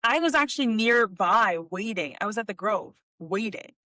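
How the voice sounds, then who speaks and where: Animated young woman telling a story. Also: mid-range voice, normal speed, dry recording, studio quality. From United States. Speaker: podcast co-host. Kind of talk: casual chat.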